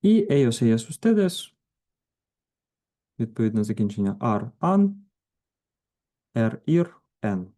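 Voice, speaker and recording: A man teaching a grammar lesson, working through verb forms one at a time with deliberate pauses between them. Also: medium pitch, big pitch swings, dark tone. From Ukraine. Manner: slow, deliberate, pausing between each verb form. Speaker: language teacher. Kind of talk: grammar lesson with conjugation drills.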